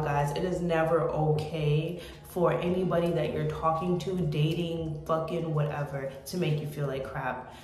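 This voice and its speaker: An American woman in her thirties talking candidly and reflectively to camera in a casual confessional vlog, pausing as she goes and sometimes swearing. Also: on the low side, a little mellow. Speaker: vlogger. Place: small indoor room. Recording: echoey room with music behind.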